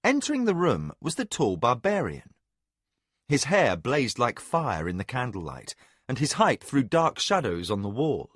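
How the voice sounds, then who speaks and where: A male narrator reads a fantasy audiobook with a mid-pitched voice. His delivery moves lively up and down as he tells the story. The sound is dry and close to the mic. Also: unhurried, no echo. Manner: expressive storytelling. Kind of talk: scripted narration.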